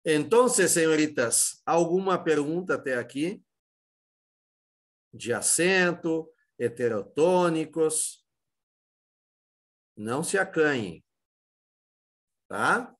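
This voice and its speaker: A man with a Brazilian Portuguese accent gives an exam-prep Spanish lesson in a slightly high voice. He poses questions and answers them himself, with a loose, informal delivery full of restarts. He sounds middle-aged. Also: lively intonation, very slow, long pauses, a bit bright. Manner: explanatory, asks and answers his own questions; many fillers and restarts, informal. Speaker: Spanish teacher.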